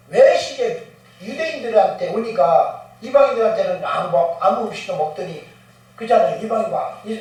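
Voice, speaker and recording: Male pastor, high voice, chatty sermon full of rhetorical questions, heavy church echo. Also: a little mellow. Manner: keeps asking the congregation rhetorical questions. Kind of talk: conversational sermon. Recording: very echoey church room.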